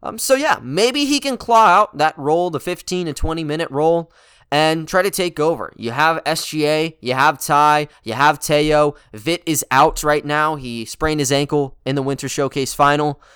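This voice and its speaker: Male sports podcast host, slightly high-pitched, crisp tone, informal basketball commentary, dry recording. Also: moderate pace, fairly bright tone, no room sound. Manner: conversational, informal. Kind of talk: casual basketball commentary with a sponsor read.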